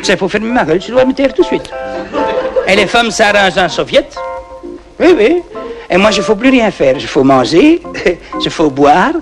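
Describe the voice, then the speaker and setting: A man's voice: sits high, very animated, moderate pace, long pauses. A man playing a boastful Flemish peasant who rambles through a tall tale in broken French with a Flemish accent, dropping in Dutch oaths and endless "hein". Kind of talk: comic monologue in broken French. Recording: old 1960s record with music.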